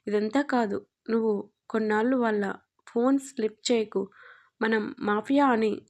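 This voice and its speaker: A woman voicing a young man, a gangster in love, asking eager and a bit louder questions in an audio love story. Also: fairly high pitch, fairly even intonation, measured pace. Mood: impatient.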